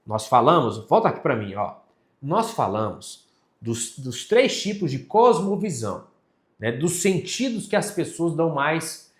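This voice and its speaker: A man's voice: mid-range voice, fairly bright tone, roomy sound. A man with a Brazilian Portuguese accent teaching an online sales lesson, explaining step by step and often checking in with his listeners.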